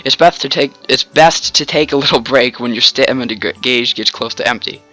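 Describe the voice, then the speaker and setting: A man reading aloud a chatty tutorial guide from a video game who keeps cheerfully explaining the controls. The voice is bright and forceful, with faint music behind it. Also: medium pitch, fairly quick, close to an everyday voice.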